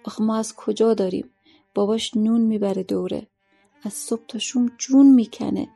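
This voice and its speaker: A woman's voice: a little high, steady tone, vocal fry, mellow, breathy edge, soft background music. A woman voicing a poor old grandmother who pleads tearfully and curses under her breath, in a story reading. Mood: pleading.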